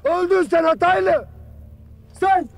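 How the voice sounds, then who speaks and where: A furious army commander yelling at troops. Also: male voice, very high-pitched, slow pace, creaky, exaggerated voice. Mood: furious shouting. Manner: barking, furious, relentless shouting. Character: stern male army commander berating his exhausted troops. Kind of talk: film drama acting.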